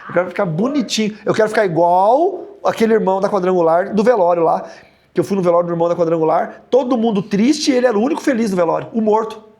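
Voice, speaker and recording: Teaching a Bible study, this male pastor talks fast and keeps things lively and humorous, frequently switching into a high, mocking voice.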